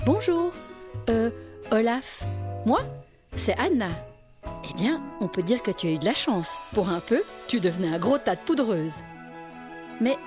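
A spirited young princess, with a high, bright voice, earnest and insistent. A soft music bed plays under her in this storybook audio. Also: sing-song, a little slow, long pauses. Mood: friendly.

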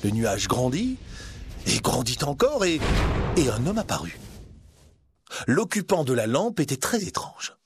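A man reading a storybook aloud in an animated, expressive narration. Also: medium pitch, unhurried, long pauses, slightly rough.

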